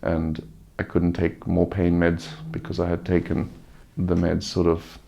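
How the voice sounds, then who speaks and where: A man gives an unscripted vlog-style update while weary from surgery. His voice is deep and very creaky, with an almost completely flat melody. He talks in a subdued, halting way, nursing a sore throat. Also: highs cut off. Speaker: vlogger giving a recovery update. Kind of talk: casual personal update, unscripted.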